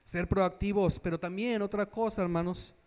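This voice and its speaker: A man from Mexico preaching a sermon as pastor. He questions the congregation, repeats key phrases for emphasis, builds to loud emphatic passages and drops his voice low at the ends of phrases. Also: fairly even intonation, normal speed, clean tone.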